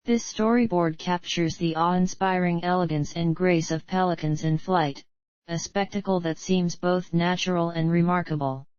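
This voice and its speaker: A woman's voice: lowish voice, fairly even intonation, normal speed, darkish tone, dry recording, muffled recording. A woman reading polished, explanatory nature documentary narration from a script.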